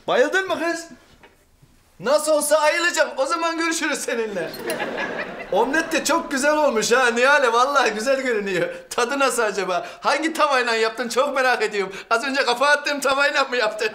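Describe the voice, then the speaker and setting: An actor playing a hot-tempered comic husband who barks orders and blusters in sitcom acting. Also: male voice, extremely high pitch, a little fast, slight background noise. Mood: taunting. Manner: blustering, bossy, panics into yelling.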